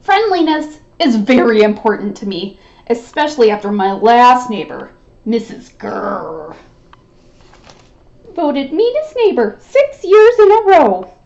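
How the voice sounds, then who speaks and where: An anxious, well-mannered male rabbit from a picture book, read aloud by a woman. He talks earnestly about wanting friendly, polite neighbours, his voice high and bouncing up and down. The recording sounds a little dull and lo-fi. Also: big pitch swings, normal speed, darkish tone.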